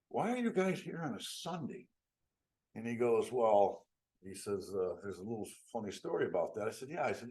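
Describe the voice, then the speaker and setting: An older man from upstate New York, telling stories to a membership meeting in a folksy way and acting out the quotes. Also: mid-range voice. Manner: folksy, acts out quotes with rising excitement. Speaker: guest speaker. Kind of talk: storytelling talk.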